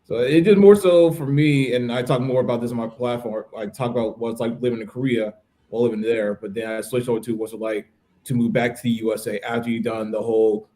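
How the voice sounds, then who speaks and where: An American man in his thirties, an English teacher appearing on a podcast, talks casually in a conversational interview and explains things in a chatty way. His mellow, medium-pitched voice keeps a steady tone at a quick pace.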